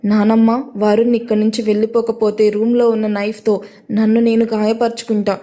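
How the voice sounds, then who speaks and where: A woman's voice: fairly high pitch, completely flat delivery, brisk, mellow, close to an everyday voice. A woman voicing a hurt, angry young wife refusing to open her door, in a storybook reading. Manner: angry, tearful.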